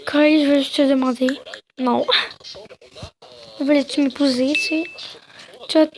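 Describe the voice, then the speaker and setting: High-voiced woman playing a game. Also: steady tone, moderate pace, a little mellow, a little hiss or hum. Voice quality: joking, giggly, crude asides. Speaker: gamer. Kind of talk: casual let's play, reading game dialogue aloud.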